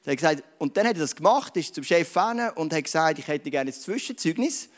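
Preacher telling stories. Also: male voice, fairly high pitch, animated, brisk. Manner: direct, addresses listener as du. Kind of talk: sermon with storytelling.

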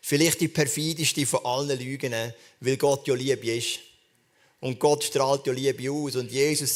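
A man preaching a sermon, his voice sitting at an ordinary middle pitch. He talks earnestly and conversationally, turning often to speak straight to the congregation. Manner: earnest, conversational preaching with direct address to listeners. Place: church service, livestreamed.

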